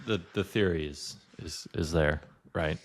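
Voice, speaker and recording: A podcast co-host with a low, unhurried voice chats casually, rambling and filling his speech with lots of "like".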